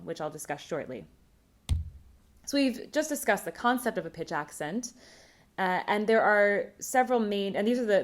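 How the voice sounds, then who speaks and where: A woman presenting a recorded academic conference talk on linguistics, explaining terms in a clear, measured way. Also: on the low side.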